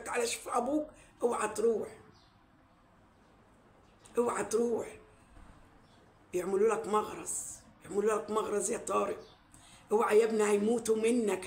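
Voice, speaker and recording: A woman with an Egyptian Arabic accent delivering an angry, repetitive ranting monologue full of curses and invocations. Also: medium pitch. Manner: repetitive, cursing, shouting. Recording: echoey room with faint background noise.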